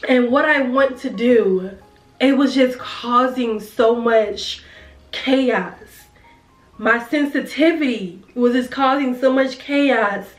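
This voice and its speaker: A woman's voice: a little high, slow. A young woman chatting to viewers while doing her makeup, heartfelt and casual, calling them girl and y'all. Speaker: beauty vlogger. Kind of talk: casual get-ready-with-me chat. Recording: roomy sound from a distance with faint music.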